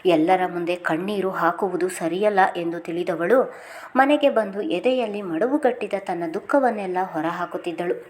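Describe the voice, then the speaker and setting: A woman narrating a family drama in style, raising her voice for the characters' lines. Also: normal speed. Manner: lifts pitch and volume for characters' dialogue.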